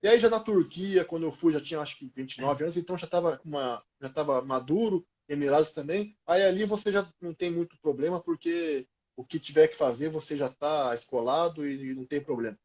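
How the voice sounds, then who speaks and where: Speaking with a Brazilian Portuguese accent, a man in his thirties recounts his years as a pro footballer in a slangy, informal interview. His slightly high, a little mellow voice moves fairly quickly with hardly any pauses.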